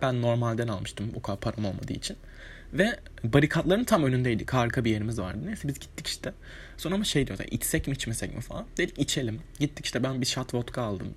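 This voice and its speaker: Guy rambling through a storytime, bit husky, normal pitch, swears a lot, tons of fillers. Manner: chatty, rambling, swears casually, many fillers. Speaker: vlogger. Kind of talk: casual storytime monologue.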